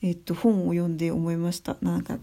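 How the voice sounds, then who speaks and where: A young adult woman giving her views in a casual spoken monologue, soft and thinking aloud with many fillers. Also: fairly low pitch, level tone, fairly quick, vocal fry. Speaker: speaker sharing views on education.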